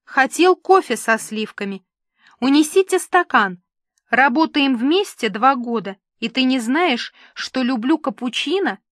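A woman's voice: high voice, expressive, a little slow, fairly bright tone, dry recording, studio quality, pitched above the performer's own voice. A woman doing a whiny, pampered male star. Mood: whiny petulant. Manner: whiny, fussy, theatrical complaining.

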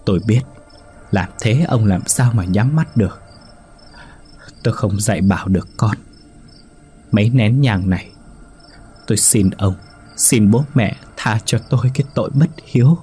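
A man's voice: on the low side, a little slow, long pauses, dark tone, faint music behind, close to an everyday voice. A man putting on a sobbing old mother. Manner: wailing, sobbing pleas. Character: grieving old mother, desperate and pleading.

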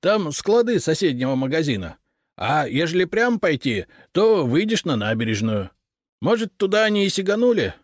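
A man voicing a loud, eager, burly city policeman in a storybook reading. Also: big pitch swings, normal speed, dry recording, studio quality. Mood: eager, booming. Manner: booming and eager.

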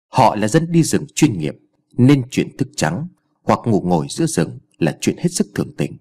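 Husky, expressive male storyteller. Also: fairly low pitch, moderate pace. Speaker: audiobook narrator. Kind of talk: scripted story narration.

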